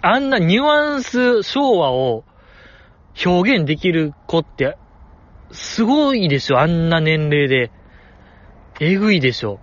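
A man's voice: a little high, very animated, measured pace, pauses often, no room sound, dull audio. A man with a Kansai accent talking casually outdoors, reviewing voice performances and playfully acting out the lines he quotes. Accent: Kansai Japanese. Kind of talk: casual solo talk. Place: outdoors in the cold.

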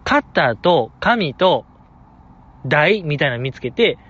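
A man's voice: on the high side, very animated, unhurried, fairly bright tone, muffled recording. A man with a Kansai accent hosting a casual solo podcast, playfully teasing his listeners and laughing often. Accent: Kansai Japanese. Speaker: podcast host.

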